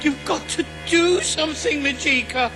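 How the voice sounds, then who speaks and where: An actor playing a nervous, fussing old Santa Claus in a TV comedy special, talking in a fretful, flustered way. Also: male voice, very high voice, moderate pace, music in the background.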